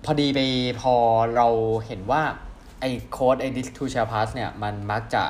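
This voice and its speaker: A man co-hosts a casual podcast, speaking in a relaxed, halting way full of fillers and restarts. His voice sits at an ordinary middle pitch. A faint hiss of noise runs under the recording. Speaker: podcast co-host.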